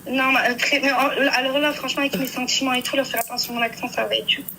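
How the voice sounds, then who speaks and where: A young woman calling a radio show, shaken and hesitant, halting with many fillers. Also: high-pitched, fairly even intonation, sharp tone, a little hiss or hum, low-quality recording. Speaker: caller. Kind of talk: phone-in confession.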